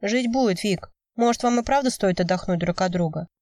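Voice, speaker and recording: A woman's voice: medium pitch, fairly quick, a little mellow, no room sound, clean studio sound, recorded from a distance, lightly acted. A woman voicing a blunt young man urging his heartbroken friend in an audiobook.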